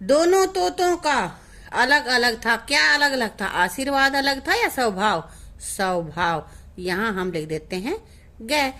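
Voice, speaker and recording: Bright-voiced woman teaching young kids. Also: on the high side. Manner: asks questions and answers them herself, calls pupils beta. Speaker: primary school teacher. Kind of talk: Hindi lesson for young children.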